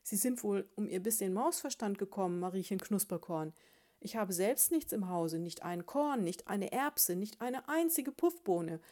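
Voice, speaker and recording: A grumpy, miserly hamster farmer , as a woman reading a storybook puts him on, snapping and blustering in a raised, loud voice. The tone stays mellow and warm underneath. He rants about his hard lot and shoos others away. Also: medium pitch, moderate pace, lightly acted. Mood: angry shouting. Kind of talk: audiobook character voice.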